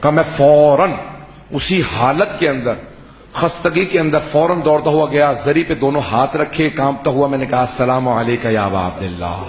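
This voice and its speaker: A man delivering an impassioned sermon to a gathering, telling a story with drawn-out, emphatic phrases. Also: a little high. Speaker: Shia majlis orator. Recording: echoey hall with faint noise.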